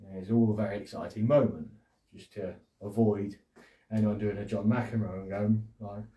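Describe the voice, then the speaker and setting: A man's voice: lowish voice, steady tone, moderate pace, warm tone, echoey room, distant mic. A man hosting a casual solo podcast, rambling and joking, often laughing and acting out little quotes. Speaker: podcast host.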